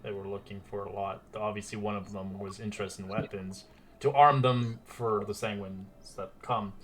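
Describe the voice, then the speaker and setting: A man narrating as game master of a tabletop game, halting and restarting as he describes the scene. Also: on the low side, steady tone, a bit bright, faint music behind. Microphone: home mic on a voice call.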